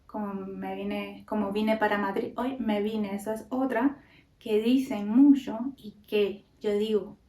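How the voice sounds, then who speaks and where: A woman's voice: medium pitch, steady tone, measured pace, warm tone, far from the mic. A Cuban woman hosts a casual monologue, speaking in a wry, opinionated way. Her voice has a roomy echo and sounds set back from the mic. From Cuba. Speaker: podcast host.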